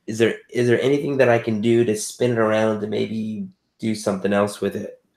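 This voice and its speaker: A man chats casually as a player in a tabletop game. His voice is gravelly, and the room around him echoes. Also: fairly low pitch, level tone, brisk, darkish tone. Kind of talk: casual chat.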